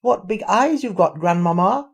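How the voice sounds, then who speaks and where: A man's voice: sits high, sing-song, brisk, creaky, darkish tone, breathy edge, voice pushed up, exaggerated voice. An older man voicing a polite little girl in a storybook reading, in a raised, piping voice.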